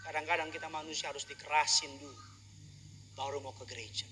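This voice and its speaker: A male pastor delivering a humorous sermon, telling jokey stories and building up to loud preaching. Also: on the high side, fairly even intonation, fast talker, background noise.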